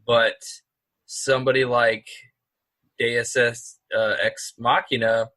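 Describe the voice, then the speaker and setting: Bright-voiced man chatting casually. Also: medium pitch, level tone, takes it slowly, dry recording. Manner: rambling, frequent restarts and fillers. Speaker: podcast co-host. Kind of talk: casual chat.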